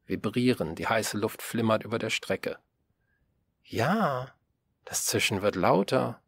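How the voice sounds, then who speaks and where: Low-voiced man narrating a story. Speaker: audiobook reader. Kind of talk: first-person narration.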